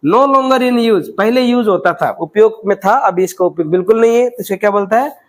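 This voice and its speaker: A man teaching English vocabulary, often quizzing his students and reading English phrases out slowly. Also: high voice, low-quality recording. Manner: quizzing, repeats questions to students; mixes English phrases into explanations, reads them slowly. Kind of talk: vocabulary lesson.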